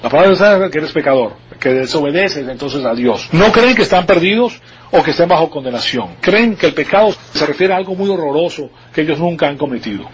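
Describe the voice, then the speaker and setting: Male preacher, fairly high voice, teaching tone full of rhetorical questions, dull lo-fi radio recording. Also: a little hiss or hum. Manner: explanatory, asks the congregation rhetorical questions. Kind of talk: expository Bible sermon.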